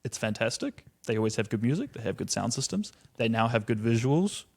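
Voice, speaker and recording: A New Zealand man in his twenties chats casually as a podcast guest, relaxed, laughing often and saying "like" a lot. His medium-pitched voice is fairly quick with a breathy edge.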